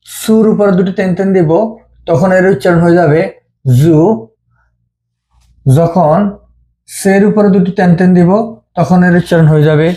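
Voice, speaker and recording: Patient man with a mellow voice. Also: fairly high pitch. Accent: Bengali. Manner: slow, patient, repeating each sound. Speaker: language teacher. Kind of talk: step-by-step script lesson.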